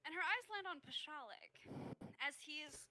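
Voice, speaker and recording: High lively woman narrating a tabletop game. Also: rough recording. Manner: unhurried, giggly narration with many ums. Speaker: game master.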